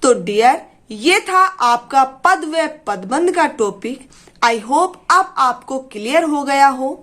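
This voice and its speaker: A woman's voice: high-pitched, expressive, slow pace, a bit bright. A woman teaching a grammar lesson to students. She asks questions, answers them herself, addresses the students fondly and keeps checking that they understood. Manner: keeps asking "clear?".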